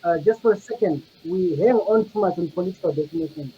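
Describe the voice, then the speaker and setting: Man panelist with a high voice, halting and reflective, muffled lo-fi audio. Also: mellow, slight background noise. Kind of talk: casual panel discussion.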